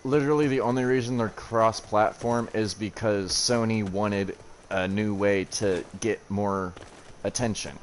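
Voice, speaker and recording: A man with a fairly low voice chats loosely and profanely while he plays a video game. Faint game sounds run underneath. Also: fairly even intonation, measured pace, a little hiss or hum. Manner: casual, profane banter. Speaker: gaming streamer. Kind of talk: casual gameplay chat.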